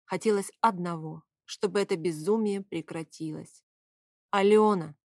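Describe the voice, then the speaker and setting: A woman reads a first-person novel aloud with emotional expression. Her voice sits at a medium pitch. The close-miked recording is dry, with no room sound. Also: moderate pace, dry recording. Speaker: audiobook narrator.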